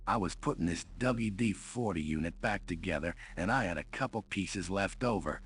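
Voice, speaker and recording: Deep-voiced, dry-witted space engineer. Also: male voice, lively intonation, normal speed, a bit bright, slight background noise. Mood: dry, friendly. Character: dry-witted, good-natured male starship engineer. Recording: synth music behind the voice.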